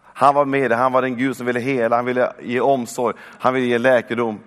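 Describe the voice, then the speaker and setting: A man's voice: medium pitch, little pitch movement. A man in his forties delivers a sermon in a church hall. His voice carries a long reverb, and he keeps urging his listeners on with calls of "come on". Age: 40s. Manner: warm, exhortative, with repeated calls of "come on". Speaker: preacher.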